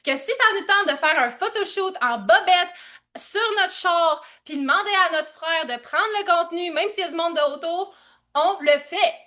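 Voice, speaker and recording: A young woman with a Québécois French accent coaching a live online session, loud and excitable, laughing often and dropping English slang. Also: very high voice, normal speed. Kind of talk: energetic live-stream coaching.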